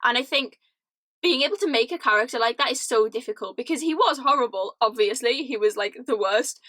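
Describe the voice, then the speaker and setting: A young British woman ranting casually to camera, animated and laughing often, with lots of "like". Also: a little high, brisk, dry recording. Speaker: vlogger. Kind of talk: casual chatty rant to camera.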